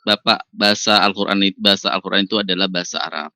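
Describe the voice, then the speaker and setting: Forceful man explaining in measured terms. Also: deep voice, fairly even intonation, dry recording, clean studio sound. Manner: measured, explanatory, addresses others politely. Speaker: debater. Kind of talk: online religious debate. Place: online voice chat room.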